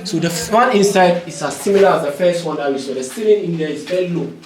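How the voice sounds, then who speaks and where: A man's voice: a little high, fast talker, music in the background. A male tour guide patiently explaining step by step, his voice ringing with cave echo in an underground stone dungeon. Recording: echoey cave, distant mic, noisy.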